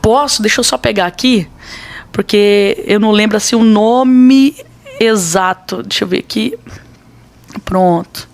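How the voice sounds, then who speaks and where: A woman's voice: medium pitch, measured pace. A woman pastor with a Brazilian accent, telling a personal testimony in a podcast interview in an earnest, dramatic way. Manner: earnest, dramatic storytelling with quoted dialogue.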